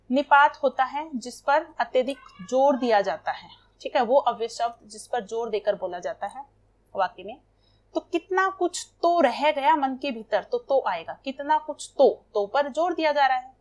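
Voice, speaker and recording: A woman Hindi teacher giving a lesson to schoolchildren, explaining each exercise patiently and repeating examples. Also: on the high side.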